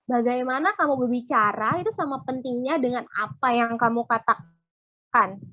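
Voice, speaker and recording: Young woman, high voice, casual youth sermon, chatty and friendly toward listeners, dull lo-fi sound, dry close recording. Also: moderate pace, bright, forceful tone, dry recording. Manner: chatty, keeps addressing listeners as friends, acts out little quoted dialogues. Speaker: speaker at a community worship service.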